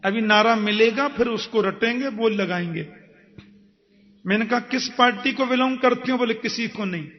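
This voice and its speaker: A man delivers a devotional sermon in a strikingly high voice, telling folksy stories and chanting verses. The recording sounds dull and lo-fi, with a long hall reverb trailing behind him. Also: normal speed. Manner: folksy storytelling, acts out dialogues, chants verses. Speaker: kathavachak preacher.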